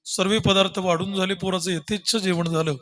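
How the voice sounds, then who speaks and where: High-voiced preacher. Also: male voice, a little fast. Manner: animated, addressing the audience. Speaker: kirtan preacher. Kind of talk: devotional kirtan storytelling.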